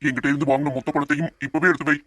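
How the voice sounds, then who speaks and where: A man's voice: a little high, flat delivery, very fast, bright, forceful tone, no echo. A man voicing a harsh older moneylender who threatens and demands money in a Tamil audio drama. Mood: menacing. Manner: menacing, demanding, cold.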